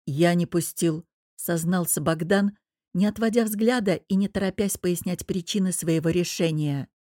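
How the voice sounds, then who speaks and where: Woman narrating a dark-toned audiobook. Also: lowish voice, no room sound, clean studio sound. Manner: measured, even storytelling. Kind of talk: first-person audiobook narration.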